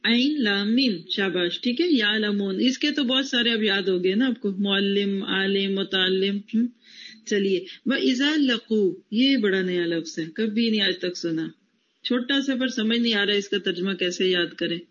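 A woman's voice: medium pitch, fairly bright tone. Casting note: female Quran teacher, explains, quizzes students on word roots, praises answers, dull lo-fi classroom recording.

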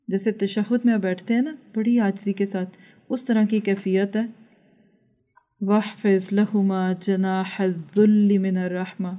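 Woman preacher, mellow tone, earnest exhorting sermon with recited verses. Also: medium pitch. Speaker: religious teacher. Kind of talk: sermon with storytelling.

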